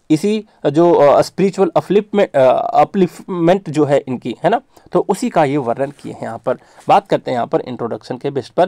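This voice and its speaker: A man's voice: a little high, mellow, no room sound, studio quality. A man giving an exam-focused English literature lecture, explaining step by step in a patient, repetitive way. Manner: explains in a patient, repetitive way, drifting between Hindi and English terms.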